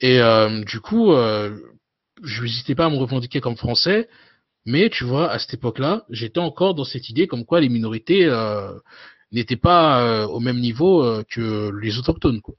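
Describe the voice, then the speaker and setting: A man's voice: mid-range voice, animated, normal speed, no room sound. A man in his thirties, a guest in a casual interview, talking loosely with many hesitations and filler tags. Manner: loose, with frequent hesitations and "you know" tags. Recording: dull, dry lo-fi sound.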